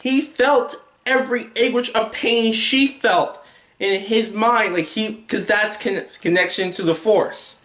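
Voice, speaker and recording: A man's voice: high voice, steady tone, a little slow, fairly bright tone, reverberant. A young man giving a casual, rambling movie review at home, full of restarts and filler words. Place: home room with a TV.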